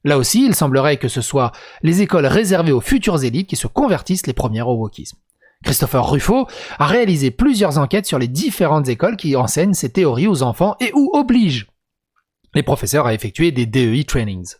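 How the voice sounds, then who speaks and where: A man's voice: fairly high pitch, sing-song, a little fast, a little mellow. Crude sarcastic French-speaking man. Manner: crude, sarcastic asides between read passages. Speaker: YouTube commentator. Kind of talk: scripted reading mixed with asides.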